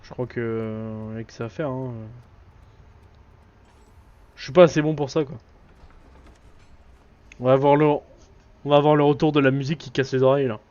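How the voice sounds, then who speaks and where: A man giving live commentary on a horror game as a streamer, excitable and jokily scolding the game's characters. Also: mid-range voice, moderate pace, pauses often, clear, resonant tone. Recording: dull lo-fi stream audio.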